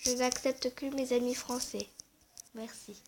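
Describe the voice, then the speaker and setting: High-voiced chatty woman showing her game. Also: fairly even intonation, unhurried, noisy background. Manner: chatty, hesitant, lots of "euh" and "voilà", mutters asides under her breath. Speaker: game vlogger. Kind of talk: casual game walkthrough chat.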